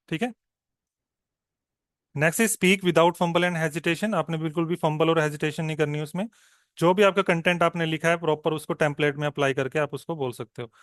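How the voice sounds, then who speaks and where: Higher-voiced tutor, smooth and clear. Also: male voice, steady tone, a bit bright, dry recording, studio quality. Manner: mixes Hindi and English, checks in with frequent "okay?"; slow, deliberate when modelling answers. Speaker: exam coaching tutor. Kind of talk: online exam-prep lesson.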